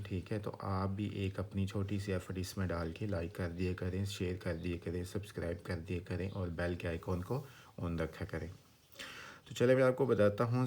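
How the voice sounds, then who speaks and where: This is a man, teaching a relaxed vocabulary lesson. He is patient and breaks every word into its sounds, repeats it slowly, and keeps checking that his listeners are following. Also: fairly low pitch. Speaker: language teacher. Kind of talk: casual explanatory lesson.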